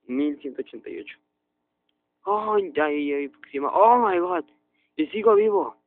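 A young man doing excitable let's-play commentary, often bursting into loud, high exclamations. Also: normal speed. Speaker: gaming youtuber. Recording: tinny lo-fi phone-like audio.

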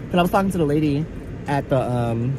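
A woman's voice: sits low, animated, quick pace, noisy background. Young woman ranting, profane and exasperated. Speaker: vlogger. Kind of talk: casual ranting vlog.

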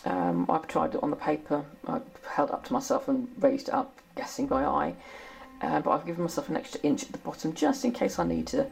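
A woman's voice: sits low, brisk, creaky, a little mellow. A middle-aged woman with a chatty, self-deprecating manner, talking casually through her sewing project at home. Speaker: sewing vlogger. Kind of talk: casual sewing vlog chat. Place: home sewing room, indoors.

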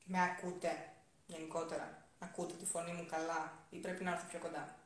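A young woman on a casual live stream, chatting as she reads viewer comments aloud and answers them, often dropping to soft-spoken asides. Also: on the low side, little pitch movement. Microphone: phone. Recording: roomy phone audio.

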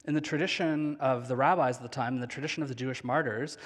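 A man in his thirties preaching a sermon on a large church stage with a headset mic, earnest and slowing down on key phrases. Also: medium pitch, fairly even intonation. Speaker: pastor. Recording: long hall reverb.

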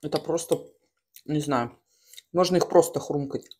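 A woman in her thirties chats casually and slangily while eating in a mukbang, chewing and smacking, with pauses between bites. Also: low-pitched, a little mellow, slightly rough. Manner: colloquial, slangy. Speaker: mukbang host. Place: small room at home, at a table.

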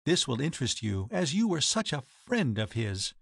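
A man's voice: medium pitch, very animated, moderate pace, creaky, a bit bright, no room sound, clean studio sound, full character voice. A man reading the lines of a proud, cold woman who keeps a boarding house, speaking formally and accusingly. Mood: stern. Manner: formal, accusing, coolly biting.

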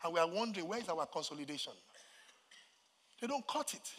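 A Nigerian man preaching a sermon as pastor, swinging from quiet asides to shouted, sing-song lines. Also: a little high, lively intonation, brisk, big-room sound.

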